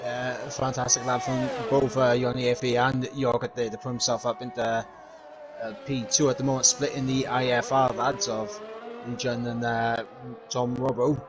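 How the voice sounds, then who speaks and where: A man co-commentating an online racing league, giving measured analysis with frequent hesitant pauses. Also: mid-range voice, level tone. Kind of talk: esports race analysis.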